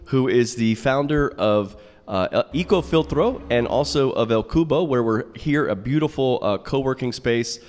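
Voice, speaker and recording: A man's voice: mid-range voice, expressive, moderate pace, a little mellow, in a large hall. A man hosting a podcast interview, friendly and asking short questions in a co-working space. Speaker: podcast host. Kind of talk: casual interview conversation.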